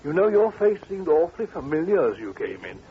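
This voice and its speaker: A man's voice: a little high, very animated, brisk, vocal fry. A man playing a forthright, bumbling British doctor and loyal friend in an old-time radio drama, blustery, exclamatory and a little hesitant. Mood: curious, bashful. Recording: noisy, dull old radio recording.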